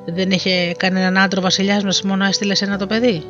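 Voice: mid-range voice, little pitch movement, a bit bright, close to an everyday voice. A storyteller voicing an arrogant young prince in a fairy tale, speaking with scorn, on a dull lo-fi recording with faint music behind. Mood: taunting. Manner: taunting, scornful.

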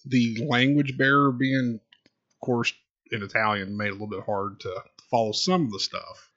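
A man's voice: medium pitch, fairly even intonation, normal speed, fairly bright tone, lo-fi sound. A man appearing as a podcast guest, easygoing and thinking aloud in casual chat.

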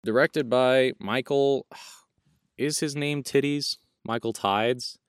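On a laid-back podcast reviewing films, a young co-host wanders through his thoughts, jokes around, and keeps fixing what he says mid-sentence. His mid-range voice is smooth and slow, in clean studio sound with no room sound.

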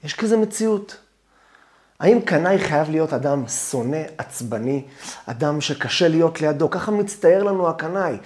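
A male rabbi delivering a sermon with dramatic, animated storytelling. His voice sits on the higher side for a man and rises sharply when he acts out a quote. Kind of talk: sermon on the weekly Torah portion.

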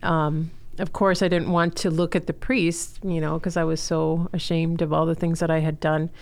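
This woman speaks low, at a moderate pace, her pitch barely moving. A school co-founder in her forties who was born in Chile and grew up in Miami, she appears as an interview guest, telling her own story in an earnest, heartfelt way peppered with fillers.

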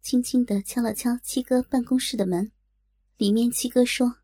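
A woman reading a first-person adult audio novel in a steady, intimate storytelling manner. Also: on the high side, normal speed, husky, dry recording, studio quality. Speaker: narrator.

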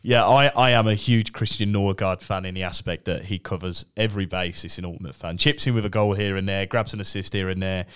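A man's voice: low voice, fairly even intonation, fairly quick, few pauses, a bit bright, clear, resonant tone. A man hosting a casual podcast, eager and upbeat, often repeating words as he starts a thought. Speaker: podcast host. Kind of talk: casual fantasy football chat.

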